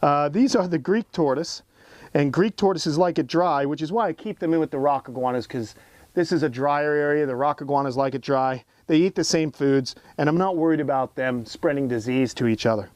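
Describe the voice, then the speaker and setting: Speaking fairly quickly in a fairly high voice with a darkish tone, a man guides an educational animal tour outside among the enclosures. The recording is dry, and he comes across as an enthusiastic keeper and host, casual, emphatic and admiring.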